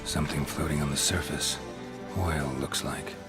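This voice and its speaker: An actor voicing Geralt, a gruff middle-aged male monster hunter in a video game, speaking in terse, dry, clipped lines over game music. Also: a bass voice, level tone, moderate pace.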